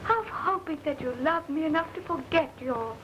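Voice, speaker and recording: High-voiced stage girl from Texas, early talkie, heavy hiss. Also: lively intonation, normal speed, highs cut off. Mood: resolute. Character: young woman, stage performer, torn and resolute. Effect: early talkie film recording. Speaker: stage actress. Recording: hissy early sound-film soundtrack.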